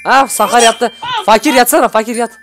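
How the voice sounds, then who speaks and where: A young man giving excitable, shouty gameplay commentary as a video host. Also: extremely high pitch, fairly quick. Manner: excitable, shouty, constantly reacting. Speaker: gaming YouTuber host. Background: background music.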